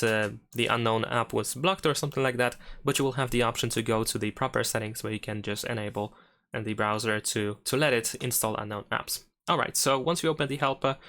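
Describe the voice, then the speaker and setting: A man with a mid-range, slightly bright voice hosts a tech tutorial. He walks through the steps casually and easily, narrating as he goes.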